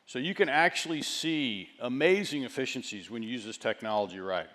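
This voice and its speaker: Casting: male chief executive on stage, mid-pitched voice, deliberate phrasing, punchy stresses, keynote delivery. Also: a bit bright. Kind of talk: keynote presentation.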